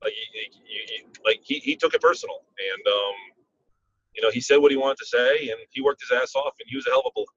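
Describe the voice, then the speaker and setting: A man, a former football player and coach, telling stories in a casual interview, often pausing on "um" and checking in with "right?". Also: mid-range voice, far from the mic, lo-fi sound, slight background noise. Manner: animated storyteller, frequent "um" and "right?".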